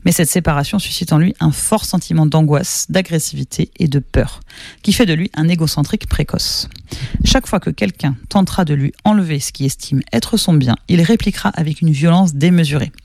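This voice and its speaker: A man's voice: on the high side, fairly quick, creaky, darkish tone, no room sound. A man presenting a radio programme in scripted narration.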